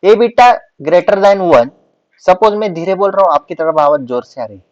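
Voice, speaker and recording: A male teacher giving an exam revision lecture, mixing English and Hindi and reading definitions slowly. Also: sits high, lively intonation, dry recording, muffled recording.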